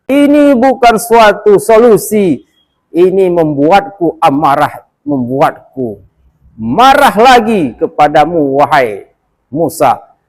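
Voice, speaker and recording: An arrogant male devil, raging and shrill, hurls his refusal at the top of his voice, as a preacher acts him out. The voice jumps wildly up and down and stays slow and heavy. It is a storytelling sermon, not a cartoon. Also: big pitch swings, husky, exaggerated voice, low-quality recording. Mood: furious. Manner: shouting high-pitched defiance.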